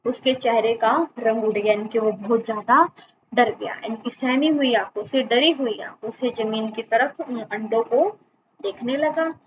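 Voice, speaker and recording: A woman's voice: fairly high pitch, moderate pace. A woman teacher explaining a schoolbook story to children, reading each sentence and then saying it again in simpler words. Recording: dull lo-fi recording with steady background noise.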